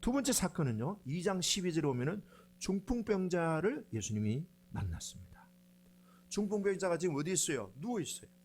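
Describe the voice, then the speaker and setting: A middle-aged pastor delivers a sermon with a fairly high, lively voice that leaps up and down as he tells stories. He acts out quoted lines and speaks with animated energy. A faint hum sits behind him. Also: brisk.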